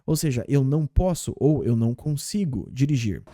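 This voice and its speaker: A Brazilian man teaching English in Portuguese, repeating example phrases slowly and patiently. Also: mid-range voice, lively intonation, warm tone, dry recording, clean studio sound. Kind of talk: language lesson explaining game clips.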